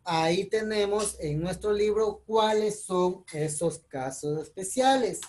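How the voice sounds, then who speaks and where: Slow, patient woman teaching English. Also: medium pitch, darkish tone, slight background noise. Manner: patient, explains slowly step by step, spells out letters. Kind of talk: recorded online class explanation.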